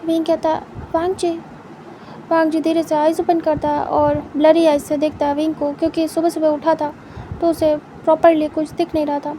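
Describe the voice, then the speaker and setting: A woman reading fan fiction aloud as a storyteller, in an even, unhurried way. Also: high-pitched, a little hiss or hum.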